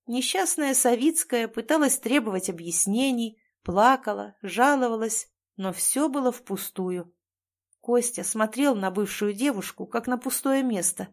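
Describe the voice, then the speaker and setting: A woman narrating a written story in a measured, steady reading voice. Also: on the high side.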